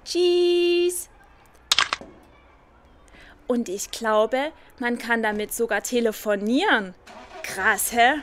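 A high, chirpy little girl, slow and chatty, for a kids' audio play. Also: background noise. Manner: chirpy, chatty, addresses children directly. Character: cheerful little girl, policeman's proud daughter.

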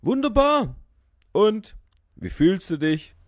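A man's voice: high voice, sing-song, slow pace, no room sound, clean studio sound, full character voice. A man voicing a kindly, cheerful professor in a children's puppet play, friendly and questioning.

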